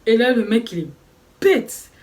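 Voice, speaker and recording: A young woman telling a story from her life in a casual, lively way, talking straight to her viewers. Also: on the low side, fairly quick, far from the mic. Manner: lively, animated, conversational, addresses viewers directly. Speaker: vlogger.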